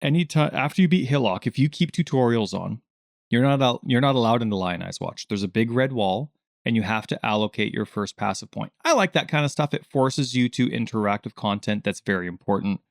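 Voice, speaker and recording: A man co-hosting a casual gaming podcast, talking in an animated way and acting out the questions he quotes in a higher voice. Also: fairly quick, gravelly, dry recording, studio quality. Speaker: podcast co-host.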